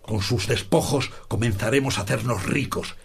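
An actor playing a deluded, grandiose old knight who declaims in lofty, archaic speech. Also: male voice, medium pitch, moderate pace, creaky, slightly rough. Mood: grandiloquent.

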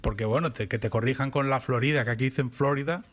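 A Spanish podcast co-host speaks at a quick pace and medium pitch while soft music plays behind him. The conversation is casual, and he tells animated, rambling stories that stop and restart.

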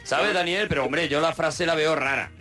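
A man's voice: fairly high pitch, moderate pace, sharp tone, faint music behind. A man from hosting a comic radio show, playful and teasing. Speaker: radio host.

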